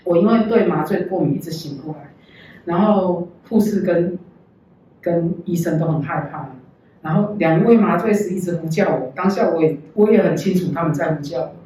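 A woman's voice: lowish voice, normal speed, warm tone, a little hiss or hum. A woman giving an earnest, emotional personal faith testimony at church. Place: church hall. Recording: very echoey hall, mic far off.

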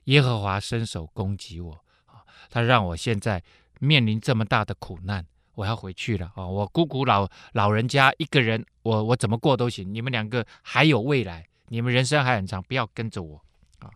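A man's voice: lowish voice, fairly bright tone, dry recording, clean studio sound, close to an everyday voice. A man voicing a grieving old widow. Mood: sorrowful pleading. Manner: slow, sorrowful pleading. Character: grieving elderly widow pleading with daughters-in-law.

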